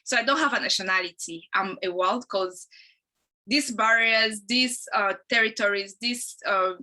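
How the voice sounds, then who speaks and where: A woman's voice: medium pitch, normal speed, pushed and bright. A woman from Congo who grew up in Uganda, hosting an online program, rambling and correcting herself as she greets listeners. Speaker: host.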